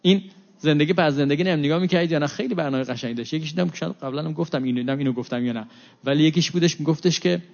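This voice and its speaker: Animated high-voiced man preaching, lo-fi. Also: gravelly. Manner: animated, acts out quoted exchanges with rises and drops in voice. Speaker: religious lecturer. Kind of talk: religious talk to an audience. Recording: dull lo-fi recording.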